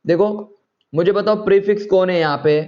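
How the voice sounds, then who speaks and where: A man's voice: high-pitched, a little fast, a little mellow, dull audio. A man teaching chemistry in an online class, coaxing students and checking often whether they follow.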